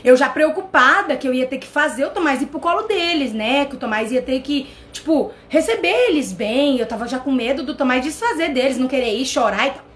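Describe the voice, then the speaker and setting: A Brazilian woman with a Brazilian accent, hosting a channel and telling a personal story in an animated way, talking straight to her viewers. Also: high voice, fairly quick, hardly any pauses, a little hiss or hum. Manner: animated, addresses viewers directly. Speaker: channel host.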